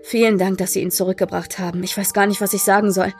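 A stunned father speaks briskly and gratefully, voiced by a woman reader. The pitch sits near her own, with a gravelly grain and faint music behind. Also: level tone, darkish tone, lightly acted. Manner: brisk, then thankful.

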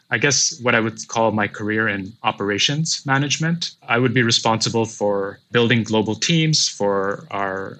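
A man in his thirties from Pakistan, a podcast guest, talking about his path in a reflective, measured way. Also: on the low side, pushed and bright. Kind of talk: casual interview.

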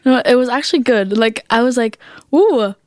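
A woman's voice: fairly high pitch, steady tone, fast talker, no echo, studio quality. A woman hosting a music podcast in an informal, playful, chatty interview style. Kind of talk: casual chat interview.

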